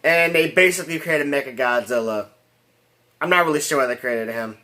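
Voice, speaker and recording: A man's voice: mid-range voice, fairly quick, sharp tone. A man giving a rambling casual movie review, full of restarts and fillers and laughing at his own jokes.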